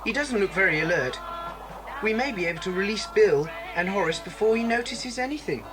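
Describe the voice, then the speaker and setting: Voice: medium pitch, expressive, fairly quick, music in the background, lightly acted. A performer playing a confident, plucky boy in a children's adventure drama. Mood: confident, reassuring. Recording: cassette drama with loud sound effects.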